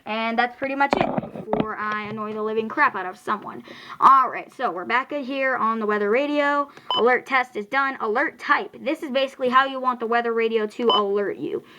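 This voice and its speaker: An American with a mid-range voice gives a casual, halting hands-on product review and tutorial at home. They explain things informally and correct their slips as they go, with background noise present.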